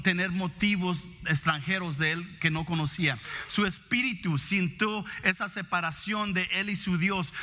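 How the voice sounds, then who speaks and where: A man's voice: high-pitched, sharp tone. A man preaching a sermon, reading scripture and reflecting on it, often asking the congregation questions.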